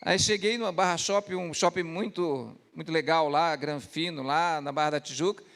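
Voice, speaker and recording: A male pastor preaching a lively storytelling sermon at a church service, often asking the congregation rhetorical questions. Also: on the high side, normal speed, gravelly.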